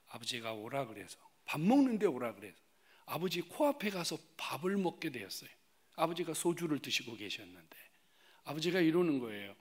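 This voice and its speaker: A man preaching in a church as a guest pastor, telling a personal testimony. He swings from loud, emphatic rises to hushed, whispered asides and puts direct questions to the congregation. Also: medium pitch. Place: church sanctuary.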